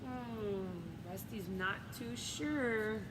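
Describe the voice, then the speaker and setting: Drawing out her words in a fairly high voice, a woman coach reads a children's story aloud to students and drops in simple, encouraging remarks the way a teacher would. Loud background noise fills the echoey, reverberant space.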